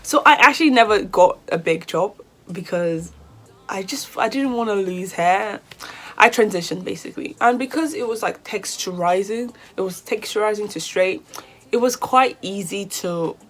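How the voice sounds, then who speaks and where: Talking casually to the camera, this beauty vlogger is a woman in her twenties from Nigeria who speaks with a British accent about hair. Chatty, lively, and at times flustered, she has a mid-range voice and speaks at a normal speed.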